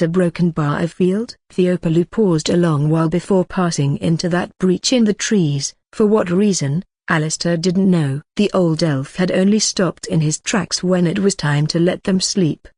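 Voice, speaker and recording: Steady audiobook narrator, dry close sound. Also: mid-range voice, dry recording. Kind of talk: scripted narration.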